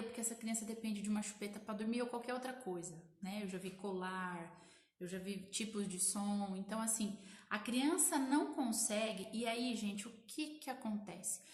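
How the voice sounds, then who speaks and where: Brazilian woman explaining in an echoey room. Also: mid-range voice. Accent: Brazilian Portuguese. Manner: explanatory, repeats lists and asks "tá?" often. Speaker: child sleep consultant. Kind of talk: live social media talk to viewers.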